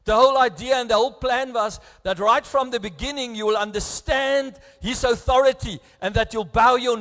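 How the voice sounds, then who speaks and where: Emotional South African pastor in a hall. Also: male voice, very high-pitched. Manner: emotional, earnest, swings between hushed and raised. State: close to tears. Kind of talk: bilingual sermon. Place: church. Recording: echoey church hall.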